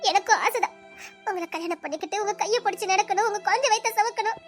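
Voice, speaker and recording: A woman's voice: extremely high pitch, quick pace, soft background music. A woman voicing an anxious young college woman trapped by her strict family in an audio drama. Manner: anxious, torn, pleading. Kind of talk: Tamil audio drama acting.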